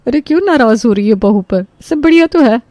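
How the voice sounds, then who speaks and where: A woman's voice: fairly high pitch, expressive, brisk, darkish tone, no room sound, natural voice. A woman voicing a chatty, teasing neighbour lady visiting for a gathering in a cartoon story.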